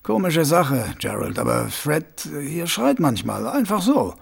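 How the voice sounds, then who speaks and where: A cunning, dry-witted watch captain in a storybook, brisk and commanding, as a male reader voices him. The voice sits a little above the reader's own and keeps a gravelly, husky grain. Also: fairly high pitch, big pitch swings, heavily acted. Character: shrewd middle-aged male watch captain, dryly cunning.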